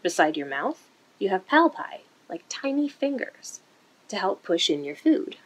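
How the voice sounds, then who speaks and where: Her voice mid-pitched, husky, and a bit breathy, a woman reads a picture book to young children indoors. She shapes each phrase deliberately and expressively in a sing-song, story-time manner, though the recording is rough.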